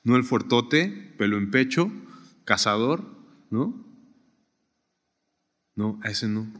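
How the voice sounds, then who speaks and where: A man preaching a sermon, swinging from raised emphatic lines to quiet, hushed ones. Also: slow pace. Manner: animated preaching, rising high then dropping to a near hush. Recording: long hall reverb.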